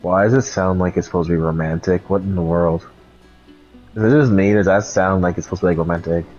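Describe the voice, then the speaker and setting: A man with a low voice chats casually as he streams a video game. The sound is slightly dull, with faint music underneath. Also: fairly even intonation, quick pace, darkish tone. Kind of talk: casual chat while playing a game.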